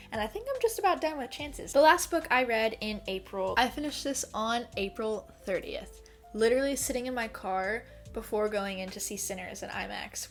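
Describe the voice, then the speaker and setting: A young woman chats through her monthly reading in a casual vlog, her voice sitting a little high. She is animated and theatrical, moving between gushing praise and playful outrage. Soft music plays faintly behind her. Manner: animated and expressive, swings from dramatic outrage to gushing. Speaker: book vlogger. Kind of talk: casual book review monologue.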